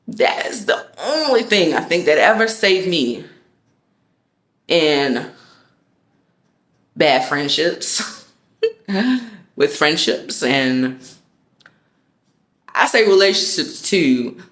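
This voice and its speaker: A woman's voice: mid-range voice, a bit bright, roomy sound. Emphatic woman giving a motivational rant. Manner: emphatic, repeats phrases, laughs often, slangy. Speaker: vlogger.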